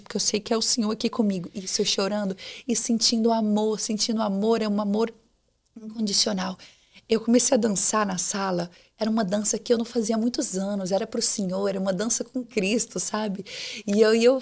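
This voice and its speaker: A woman's voice: medium pitch, darkish tone. A young woman, a podcast guest giving an earnest, emotional faith testimony and repeating words for emphasis.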